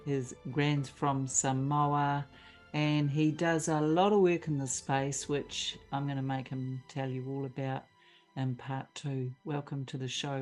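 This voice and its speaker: An interview host introducing a guest and gently asking questions in a measured way. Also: medium pitch. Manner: measured and encouraging. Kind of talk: interview hosting.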